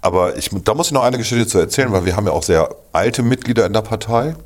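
A man with a very low voice chats casually as a podcast co-host. He chimes in with quick interjections and teasing asides. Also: expressive. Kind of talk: casual chat.

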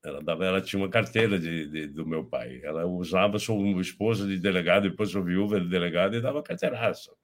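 A man's voice: deep voice, fast talker, hardly any pauses. An older man from Brazil with a Brazilian Portuguese accent, chatting casually on a political show and telling rambling anecdotes with many restarts. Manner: rambling, repeats words and restarts, animated anecdotes. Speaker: guest commentator.

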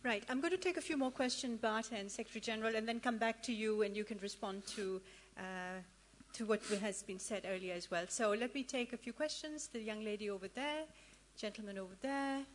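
A woman moderating a panel discussion, brisk and directive as she calls on questioners. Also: on the high side, slight background noise.

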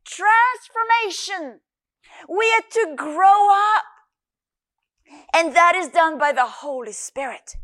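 A woman's voice: extremely high pitch, animated, slow, pauses often, a bit bright, no room sound, clean studio sound. A woman preaching a sermon, telling a personal testimony in an earnest, emotional way that builds in fervor.

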